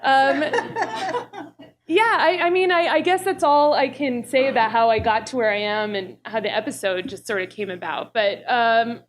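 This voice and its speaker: Woman panelist, fairly high voice, chatty with lots of laughs. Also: steady tone, moderate pace. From Los Angeles area, US. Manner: chatty, laughs often, many fillers. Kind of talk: panel discussion.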